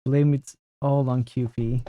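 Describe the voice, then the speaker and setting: A man's voice: mid-range voice, little pitch movement, measured pace, narrow, tinny audio. A man doing casual live game commentary, thinking aloud and putting questions to his chat. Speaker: game streamer.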